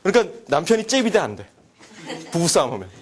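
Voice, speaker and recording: Fast, lively male lecturer. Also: a little high. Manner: animated, jokey, acts out quoted dialogue. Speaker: university lecturer. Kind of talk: humorous psychology lecture.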